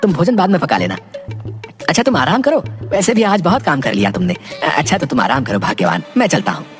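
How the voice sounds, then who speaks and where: An actor voicing a simple, scheming village husband in a cartoon, who talks to himself with chuckles and drawn-out exclamations. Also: medium pitch, big pitch swings, faint music behind, close to an everyday voice.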